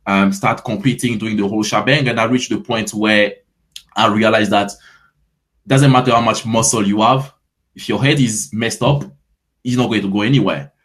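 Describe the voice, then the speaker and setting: A man in his twenties from Ivory Coast, with a French accent, answers interview questions as a fitness coach. He is friendly and often repeats words as he starts, and his voice is lowish and a bit bright.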